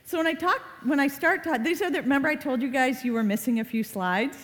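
Brief: woman in her forties, child safety presenter, chatty and animated with a slightly high voice, recorded in a hall with long reverb. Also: fast talker. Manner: lively, conversational, acts out quoted family exchanges. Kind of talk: live presentation to parents and kids.

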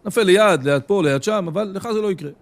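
A man, a rabbi, giving a Torah lecture, retelling stories and teachings in a lively storytelling way with frequent "he says". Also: high voice. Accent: Israeli Hebrew.

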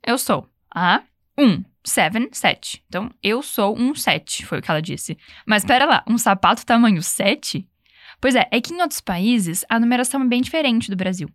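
A young Brazilian woman teaching an English lesson, saying phrases slowly and patiently for the learner to repeat. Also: fairly high pitch, lively intonation, dry recording, clean studio sound. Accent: Brazilian Portuguese. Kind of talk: language lesson.

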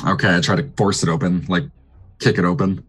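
A man's voice: low-pitched, fairly even intonation, fairly quick, fairly bright tone, breathy edge. A man playing a tabletop role-playing game, talking casually and hesitantly, often trailing off and restarting. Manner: rambling, hesitant, with many restarts and fillers. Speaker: player.

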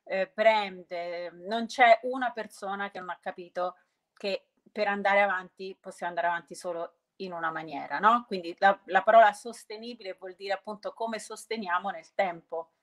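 Female interview guest, medium pitch, halting and rephrasing as she explains, peppering answers with English jargon. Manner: hesitant, often restarting and rephrasing mid-sentence; mixes English business terms into Italian. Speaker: interview guest, sustainability entrepreneur.

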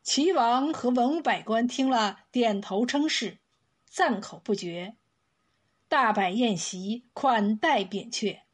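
A woman telling an old folk tale as scripted storybook narration, slow and deliberate. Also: a little high, expressive, breathy edge.

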